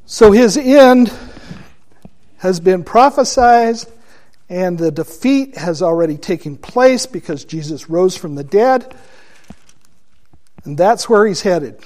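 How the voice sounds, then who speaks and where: A man teaching a Bible study class, deliberate and asking his listeners questions. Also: high-pitched, expressive, darkish tone.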